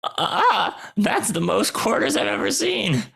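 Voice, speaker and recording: Man doing a stammering ticket seller, flustered, gravelly, lively pitch. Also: slow, heavily acted. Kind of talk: improvised comedy scene.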